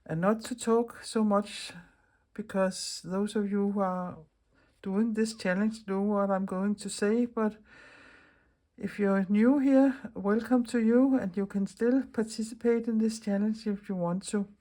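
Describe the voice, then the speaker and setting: A middle-aged Danish-accented woman, a craft video host, talks casually through a tutorial in English as a second language, restarting words often. Her mellow, medium-pitched voice stays steady at a measured pace.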